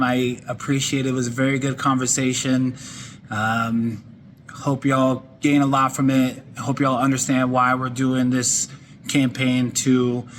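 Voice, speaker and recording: Flat-voiced man introducing his video. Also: medium pitch, slight background noise. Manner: casual, relaxed. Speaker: host.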